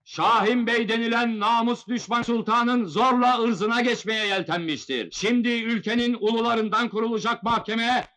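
A man playing a town crier in a period film, making a loud, drawn-out, formal public proclamation. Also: extremely high pitch. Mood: proclaiming.

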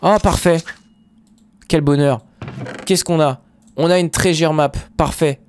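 A young man chatting excitedly to his viewers while commenting on his own gameplay. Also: on the high side, a little slow, clear, resonant tone, no echo. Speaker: gaming YouTuber. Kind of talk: Minecraft let's play commentary.

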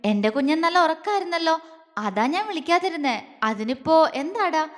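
A woman storyteller voicing a young man who speaks softly and affectionately to the woman he loves. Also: high-pitched, expressive, normal speed, long reverb tail. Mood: tender, coaxing. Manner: soft, affectionate, coaxing. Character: loving, teasing young man, gentle and protective.

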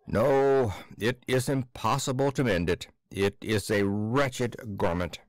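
A man's voice: lowish voice, slow pace, dry recording. A man voicing a blunt, stubborn one-eyed tailor who speaks curtly and decisively. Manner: flat, decisive, curt.

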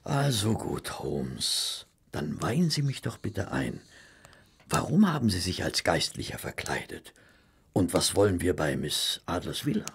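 An actor playing Doctor Watson, a loyal, good-humoured companion, jovial and mock-indignant in a radio play. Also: male voice, low-pitched, very animated, a little slow, fairly bright tone, in a large hall, full character voice. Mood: curious, impatient. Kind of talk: German radio play acting.

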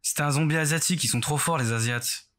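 A man's voice: on the high side, fast, fairly bright tone. A man doing casual let's play commentary as a horror game streamer, rambling nervously and self-mockingly as he talks to himself. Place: bedroom at home, indoors.

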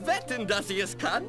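A man's voice: very high-pitched, heavily acted. A man voicing a gleeful, theatrical carnival barker in a cartoon adventure game, given to cackling.

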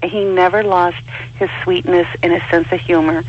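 A woman chatting casually as a phone-in caller, a little halting as she repeats words, over a phone line. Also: fairly low pitch, fairly even intonation. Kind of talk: casual chat.

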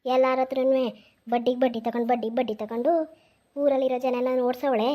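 A woman's voice: high-pitched, flat delivery, brisk, dull audio. A woman voicing a gossiping middle-aged village neighbor in a cartoon, with a North Karnataka Kannada accent. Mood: gossipy.

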